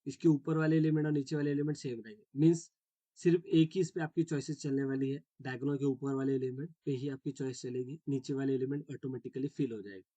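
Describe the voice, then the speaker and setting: A man's voice: medium pitch, fairly even intonation, fast talker, dark tone, dry recording. A man teaching a math class step by step, often checking that students follow and mixing English terms into his Hindi. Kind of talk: classroom lecture.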